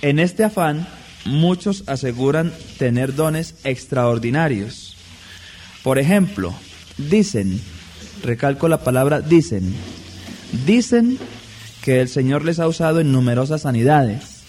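A man preaching a sermon in a measured, deliberate way, stressing key words. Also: mid-range voice, animated, darkish tone, slight background noise.

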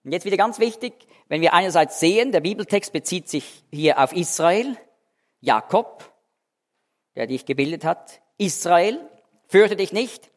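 A man teaching through a Bible passage as a preacher, swinging between emphatic raised phrases and hushed, slow endings. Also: high-pitched, expressive. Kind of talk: verse-by-verse Bible teaching sermon. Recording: long hall reverb.

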